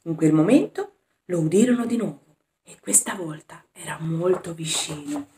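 A woman who works as a nursery school educator, reading a picture book aloud to young children in a gentle storytelling manner. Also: deep voice, expressive, normal speed, slight background noise.

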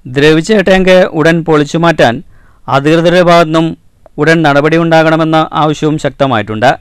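A male reporter reads a scripted regional news voice-over with a Kerala Malayalam accent. His tone is strikingly smooth and clear, a little high for a man, and the recording is close and dry. He keeps a measured, formal pace and lets his pitch fall at each sign-off. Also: no room sound. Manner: measured formal reading, drops at sign-offs.

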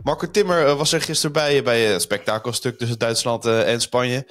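A man's voice: mid-range voice, steady tone, quick pace, a bit bright. A man hosting a football talk show, putting hesitant questions to his guest with fillers. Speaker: host. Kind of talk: casual chat.

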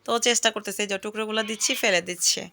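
A chatty woman, recorded outdoors in her home garden on a handheld phone. Her voice is bright and forceful, at an ordinary pitch for a woman. She talks freely, exclaims often, and calls out to her bird. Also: fairly even intonation, very fast. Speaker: vlogger. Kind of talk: casual home vlog.

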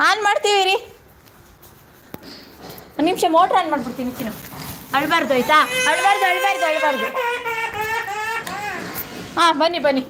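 A woman's voice: very high-pitched, animated, moderate pace, long pauses. A young woman, filming a casual live vlog on a phone while coaxing a fussing toddler in sing-song baby talk. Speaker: mother vlogging live. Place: outdoors at a house under construction. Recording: loud outdoor noise, animals. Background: child crying, animals, work noise.

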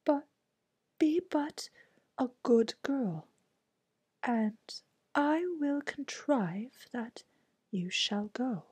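A woman voicing a kind, motherly fairy godmother in a soft whisper, for a storybook reading. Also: high voice, expressive, drawn-out words, long pauses, slightly rough, pitched above the performer's own voice, heavily acted. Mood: gentle. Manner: whispered, gentle and coaxing.

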